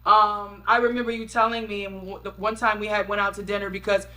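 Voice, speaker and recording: A woman's voice: mid-range voice, flat delivery, fast talker, pushed and bright. A woman hosting a casual interview, enthusiastically hyping up her guest. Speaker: host.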